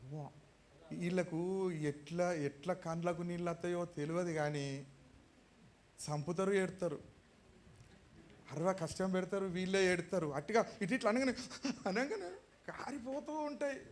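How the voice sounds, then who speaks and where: A pastor preaching a sermon, telling a story dramatically, acting out its people and putting rhetorical questions to the congregation. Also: male voice, sits high, moderate pace, pauses often, a little hiss or hum.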